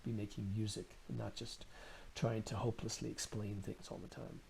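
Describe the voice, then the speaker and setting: A man's voice: lowish voice, little pitch movement, normal speed, vocal fry, warm tone, slight background noise. A man in conversation as an interview guest, talking in a thoughtful, rambling way and often repeating words while he thinks. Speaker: musician and guest.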